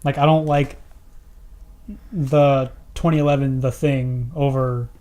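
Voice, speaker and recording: A man's voice: mid-range voice, steady tone, takes it slowly, dark tone. A man co-hosting a casual podcast, chatting and joking about movies. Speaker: podcast co-host.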